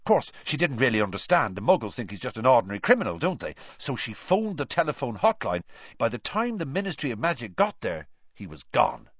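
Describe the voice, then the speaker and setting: A man voicing an excited, chatty teenage schoolboy sharing news in a storybook reading. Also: mid-range voice, normal speed, slightly rough, dry recording, highs cut off, pitched above the performer's own voice. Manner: eager, chatty.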